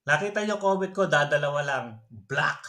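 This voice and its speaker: Bright-voiced mocking male streamer. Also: a little high, expressive, moderate pace. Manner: taunting, mocking, laughs often. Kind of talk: reaction livestream talk.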